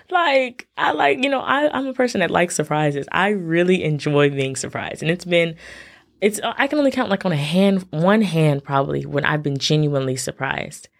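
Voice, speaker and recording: Casual podcast host, woman in her thirties, lowish voice, chatty and animated with listeners. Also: moderate pace, vocal fry. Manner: chatty, animated, addresses listeners as y'all and sis. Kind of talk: casual solo podcast talk.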